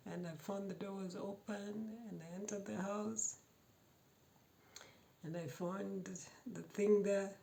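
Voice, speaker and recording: Gravelly woman telling her testimony. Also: mid-range voice, slight background noise. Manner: animated, laughs often, acts out quoted dialogue. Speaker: testimony speaker. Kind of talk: personal testimony, storytelling.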